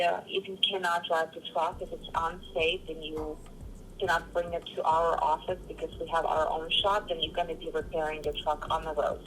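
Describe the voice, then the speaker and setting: A woman's voice: on the low side, slight background noise. Patient woman recruiter over the phone. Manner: patient, hesitant with many fillers. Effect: heard over a phone call. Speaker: trucking company recruiter. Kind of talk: phone call answering a job inquiry.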